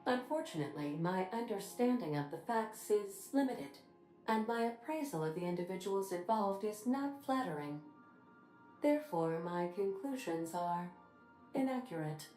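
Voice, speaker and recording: A polite ship-computer AI. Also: female voice, medium pitch, moderate pace. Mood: formal. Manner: formal, precise, politely deadpan. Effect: computer processing voice of a ship AI. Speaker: ship computer in a video game. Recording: roomy game audio with faint music.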